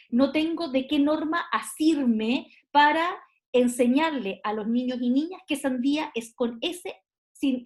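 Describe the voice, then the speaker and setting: A woman lectures students over a computer mic on a video call. Her voice sits high, and she talks in a loose, explanatory way, padding her sentences with fillers and little tag questions. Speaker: university lecturer. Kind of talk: online class lecture.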